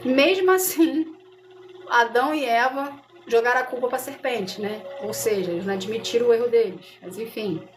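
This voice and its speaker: A woman's voice: fairly high pitch, normal speed, slight background noise. A Brazilian woman, a missionary, teaching a casual Bible study in a conversational way and often checking that her listeners follow.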